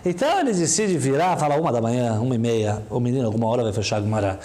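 A man telling a story in an animated way, acting out the dialogue. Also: medium pitch, very fast.

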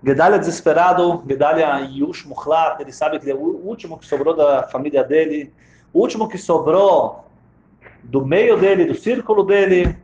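A man with a high voice tells a story as a sermon, stressing and repeating key phrases. The sound is roomy and slightly muffled, as in a reverberant space. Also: normal speed, darkish tone. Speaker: preacher telling a story.

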